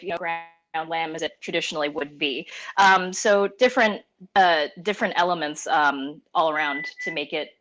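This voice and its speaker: A woman's voice: medium pitch, fairly bright tone. Giggly woman explaining her dish. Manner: giggly, slightly flustered. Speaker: contestant. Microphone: video call.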